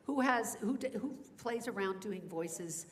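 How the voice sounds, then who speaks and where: A woman's voice: mid-range voice, expressive, a little slow. A woman voice actor speaking on a convention panel, earnest and encouraging, addressing the audience directly.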